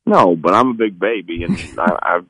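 A man's voice: low voice, animated, moderate pace, a bit bright, dry recording, poor audio. A man calling in from bed, hungover with a headache, groggy and stammering as he talks. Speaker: radio caller. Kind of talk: casual phone call-in chat.

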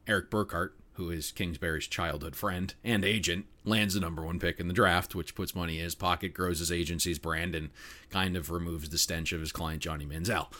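A man's voice: low-pitched, steady tone, a little fast, sharp tone. A man co-hosting a sports betting podcast, talking casually and opinionatedly with lots of fillers. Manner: opinionated, rambling with frequent fillers. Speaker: podcast co-host.

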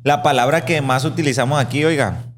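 A man with a Sinaloan accent chatting casually in a restaurant, joking and slangy with quick comebacks. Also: mid-range voice, in a large hall, slight background noise. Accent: Sinaloan Mexican Spanish. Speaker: co-host. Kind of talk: casual chat.

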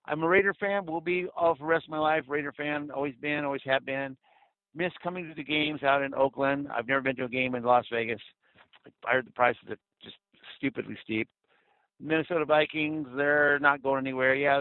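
Man calling into a radio show, phone-thin voice. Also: medium pitch. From Southern California. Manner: blunt, animated, swings loud and soft. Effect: radio show caller on a phone line. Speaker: caller to a fan show. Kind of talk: phoned-in fan rant. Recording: tinny dry phone line.

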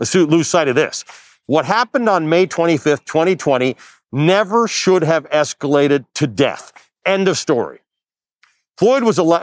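Male news anchor, slightly high voice, dry close sound, emphatic commentary delivery. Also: no echo. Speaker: news host. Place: outdoors near a courthouse.

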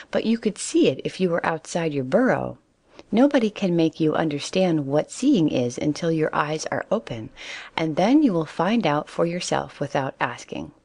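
A woman voicing a patient, tired mother rabbit who explains things gently in a storybook reading. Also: sits low, no room sound, exaggerated voice.

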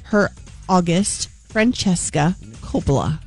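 A woman's voice: on the low side, expressive, takes it slowly, darkish tone, soft background music. A woman co-hosting a morning radio show, teasing and dry, recovering from laryngitis.

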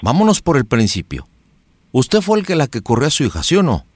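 A man's voice: medium pitch, huge pitch swings, a little fast, slightly rough, no room sound, studio quality. A man plays a brash young boyfriend on a prank call, mocking and then theatrically formal. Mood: mock-polite. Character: brash young boyfriend turned mock-polite. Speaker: radio prank host.

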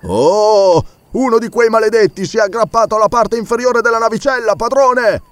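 A man reading an audiobook, voicing an eager, excitable servant who calls out to his master. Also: high voice, moderate pace, no echo, voice pushed up, natural voice. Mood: excited. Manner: eager, exclamatory.

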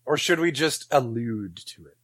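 A man's voice: medium pitch, animated, moderate pace, a bit bright. Man, mid-range voice, dry wit, casual film podcast co-host.

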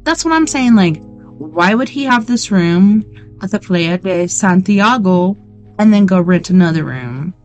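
A woman's voice: fairly low pitch, lively intonation, a little slow, darkish tone, faint music behind. A woman hosting a late-night show, reading a true-crime book aloud and breaking off into blunt, sarcastic asides with swearing. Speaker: weekend show host.

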